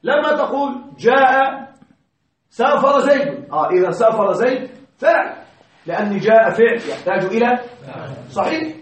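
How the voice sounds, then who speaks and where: A man's voice: extremely high pitch, big pitch swings, normal speed. A man teaching grammar to a class, explaining through worked examples and checking with rhetorical questions. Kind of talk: classroom lecture. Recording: very echoey room, voice far from the mic.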